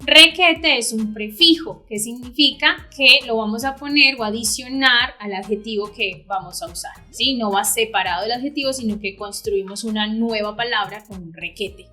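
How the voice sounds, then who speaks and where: Bright-voiced woman teaching Spanish. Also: a little high, normal speed, hardly any pauses, soft background music. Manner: explanatory, checks in with "¿sí?". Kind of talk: co-hosted Spanish lesson.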